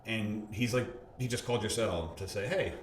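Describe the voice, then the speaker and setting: A man being interviewed, telling a story casually, animated, laughing often and restarting his sentences. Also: lowish voice, moderate pace. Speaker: bodybuilder interviewee. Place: gym or park. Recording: roomy echo, faint background hum.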